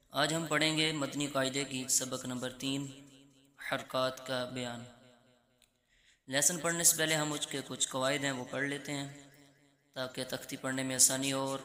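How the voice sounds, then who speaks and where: A man teaching a children's Quran reading lesson with a Pakistani Urdu accent. He explains each rule, then slowly chants the syllables. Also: mid-range voice, bright, forceful tone, roomy sound.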